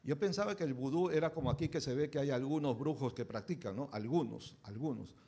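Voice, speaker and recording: A man's voice: mid-range voice, brisk, dark tone, breathy edge. A pastor preaching a conversational sermon, often checking in with his listeners with short tag questions.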